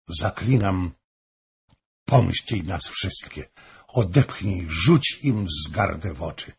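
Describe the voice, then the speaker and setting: A man reading an audiobook, voicing a pale, weak, grieving noblewoman who pleads and warns slowly and solemnly. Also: sits low, gravelly, husky, heavily acted. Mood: solemn warning.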